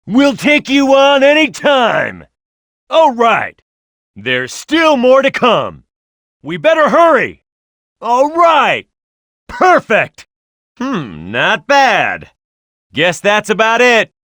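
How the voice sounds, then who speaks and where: Knuckles, brash cartoon fighter with dynamic pitch. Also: male voice, sharp tone, no echo, studio quality, heavily acted. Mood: cocky defiance, then pumped up, then confident, matter-of-fact. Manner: brash, punchy, confident. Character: tough, cocky, hot-headed young male cartoon echidna fighter. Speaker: playable video game character. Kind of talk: video game voice lines.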